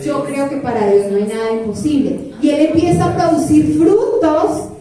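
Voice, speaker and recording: High-voiced woman preaching in an echoey hall. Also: normal speed, a crowd in the background. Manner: lively, playful asides, sings lists. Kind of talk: sermon. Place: church hall. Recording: very echoey hall, far from mic.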